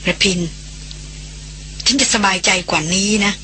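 Reader doing a proud young lady scientist, earnest and pleading, very bright tone. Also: a little slow, a little hiss or hum. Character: young female chemist, proud but remorseful.

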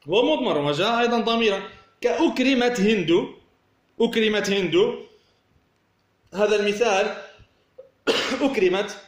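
A man from Tunisia teaching a grammar lesson. He asks rhetorical questions, repeats words as he explains, and says example words slowly. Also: high voice. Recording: echoey room.

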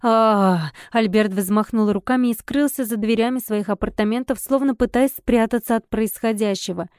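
A woman narrating a first-person fantasy audiobook in an expressive, wry manner. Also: fairly high pitch, normal speed, smooth, dry recording, studio quality.

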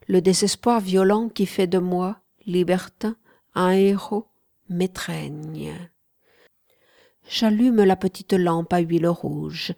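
A woman reads a classic novel aloud in a slow, hushed way, often sinking into a whisper. Her voice sits a little low. The recording is dry and close to the mic. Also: no echo. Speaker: audiobook narrator. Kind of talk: literary audiobook narration.

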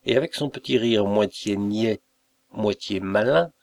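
A man narrating a classic fantastic tale in a measured, expressive audiobook reading. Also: fairly low pitch, gravelly.

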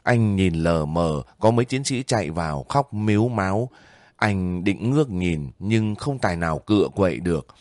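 Male audiobook narrator, lower voice, measured pace, dry recording. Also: dry recording. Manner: steady, measured storytelling. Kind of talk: scripted narration of a war novel.

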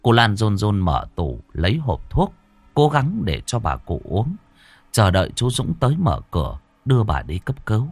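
A man narrating a horror story in a measured, dramatic way. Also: lowish voice, wildly swooping pitch, dry recording.

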